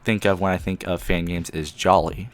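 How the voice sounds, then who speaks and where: A man's voice: deep voice, steady tone, moderate pace, clean tone. A young man hosting a casual podcast chat, rambling with lots of ums. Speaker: podcast host. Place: friend's house at night. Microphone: one mic shared with a co-host.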